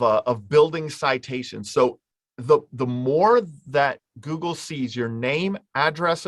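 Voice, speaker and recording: A man's voice: medium pitch, fairly bright tone, dry recording, studio quality. A man presenting a marketing webinar in an informal, conversational way, explaining with hypothetical examples.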